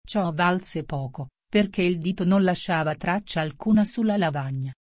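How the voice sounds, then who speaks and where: Brief: woman audiobook narrator, low-pitched, even storybook reading. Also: normal speed, no room sound, clean studio sound.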